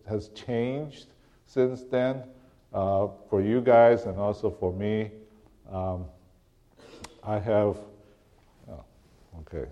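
Mellow-voiced man. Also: lowish voice, highs cut off. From Taiwan. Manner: halting, with restarts and frequent throat clearing. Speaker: guest preacher. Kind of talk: sermon.

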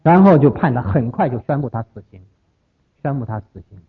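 Man, storytelling lecture, very husky voice, thin phone-like sound. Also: mid-range voice, expressive, a little fast. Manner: repetitive, emphatic retelling.

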